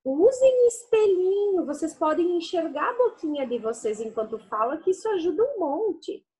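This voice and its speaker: A woman teacher giving a lesson to young children, sounding out syllables slowly and coaxingly. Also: very high-pitched, big pitch swings, dark tone. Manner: slow, sing-song sounding out of syllables; affectionate, coaxing.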